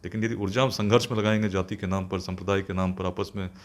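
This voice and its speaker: Fast-talking, low-voiced man, earnest. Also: steady tone. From India, Bihar. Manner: earnest, formal, speechlike. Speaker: guest, police officer. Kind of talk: interview answers.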